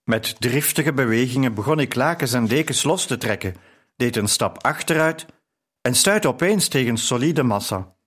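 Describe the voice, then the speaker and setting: Male audiobook narrator, measured and even reading of a novel. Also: medium pitch, slightly rough. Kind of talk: scripted narration.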